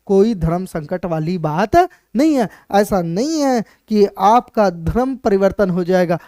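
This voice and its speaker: A man's voice: high voice, dark tone, clean tone, no room sound, clean studio sound. A man teaching English grammar, asking and answering his own questions and repeating points with joking asides. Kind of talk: spoken English lesson in Hindi. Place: classroom board lesson video.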